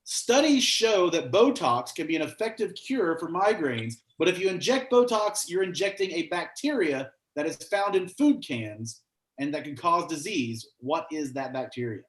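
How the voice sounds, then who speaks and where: A man runs a casual trivia quiz, cracking jokes between the questions he reads aloud. His voice sits on the high side for a man. The room around him echoes noticeably. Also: expressive, moderate pace. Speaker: trivia host. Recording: roomy echo.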